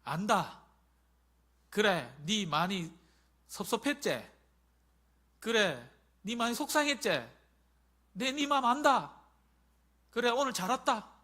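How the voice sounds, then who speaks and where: A man's voice: high-pitched, lively intonation, slow pace, pauses often, bright, forceful tone, voice pushed up, heavily acted. A pastor speaking as a tender fatherly God. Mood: comforting. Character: tender fatherly God comforting a hurt child.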